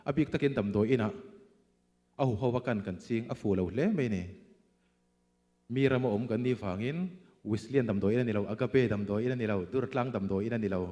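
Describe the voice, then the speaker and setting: A man preaching a sermon, emphatic, swinging between loud bursts and quiet asides. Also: fairly low pitch, quick pace, big-room sound, dull audio.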